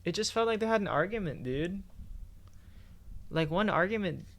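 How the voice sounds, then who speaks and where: This man's vocal fry shows as he chats animatedly at a moderate speed in a high-pitched voice. He's a game streamer on a livestream, reacting to forum posts in casual slang while music plays behind him.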